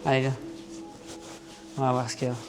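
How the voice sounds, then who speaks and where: In a casual travel vlog shot outdoors in a city and in a vehicle, a man talks to "les gars" watching, chatty but hesitant and full of fillers. His medium-pitched voice is monotone and a little fast, and the outdoor vlog audio is noisy.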